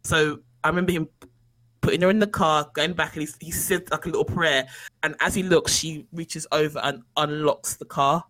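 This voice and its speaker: A man, co-hosting a casual film chat and retelling scenes in an animated way. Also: a little high, normal speed, rough recording. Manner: animated storytelling, acts out quoted lines. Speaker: podcast co-host.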